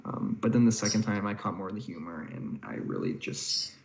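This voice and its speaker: Gravelly low-voiced man, lively pitch. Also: brisk. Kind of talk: casual chat.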